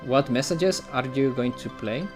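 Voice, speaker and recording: A man's voice: mid-range voice, unhurried, over music. A man streaming video games, chatting casually and thinking aloud, often repeating his phrases. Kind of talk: casual live-stream chat.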